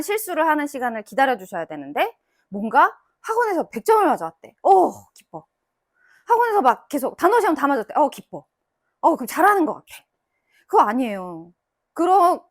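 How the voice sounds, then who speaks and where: A woman's voice: sits high, dry recording, studio quality. A middle-aged woman, an author and English tutor, giving a talk to parents in a small library book cafe, acting out quoted mothers and children. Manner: animated, acts out mothers and children in quoted lines. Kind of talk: lively lecture to parents.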